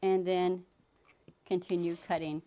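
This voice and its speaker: A woman's voice: lowish voice, level tone, unhurried, mellow, a little hiss or hum. Chatty woman demonstrating quilting cuts. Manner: chatty, talks while working, frequent restarts. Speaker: sewing instructor. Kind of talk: casual how-to demonstration.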